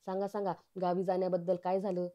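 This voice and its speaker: A gruff, short-tempered older family head, read out by a woman. He talks brusquely in a flat, dark delivery, and the sound is a little dull. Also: fairly low pitch, fast talker, natural voice. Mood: scolding. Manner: brusque, scolding.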